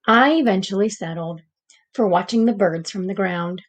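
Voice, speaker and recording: A woman voicing a gentle, anxious but persevering egg who narrates a picture book, with deliberate, expressive pauses. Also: medium pitch, lightly acted. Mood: subdued, fearful. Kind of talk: picture book read-aloud.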